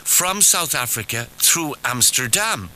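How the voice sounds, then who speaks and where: A man's voice: mid-range voice, sing-song, unhurried, pushed and bright, a little hiss or hum. An Irish man hosting a radio phone-in, chatting casually and correcting himself as he goes. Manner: chatty, rambling, self-correcting. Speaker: radio host. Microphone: studio mic.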